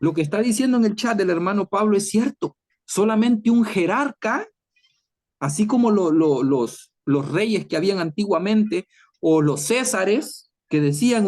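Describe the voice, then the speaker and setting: A man's voice: high voice, a little mellow. A man preaching an online Bible lesson in a conversational way, acting out dialogue with scripture. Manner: conversational, preaching to a chat audience; acts out dialogue with Jesus and scripture.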